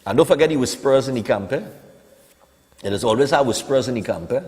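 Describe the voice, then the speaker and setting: Over slight background noise, a medium-pitched, somewhat mellow male voice talks fast and animatedly. He's a Trinidadian morning TV host in his forties doing casual live talk and a newspaper review, opinionated and conversational, often saying "eh" and "you know." His voice has a long reverb like in a hall.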